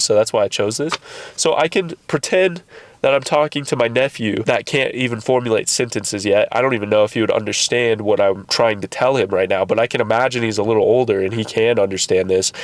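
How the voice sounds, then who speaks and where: A man's voice: lowish voice, dry recording. A young man vlogging to camera in a rambling, self-deprecating way, asking the viewer questions. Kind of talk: casual vlog talk to camera.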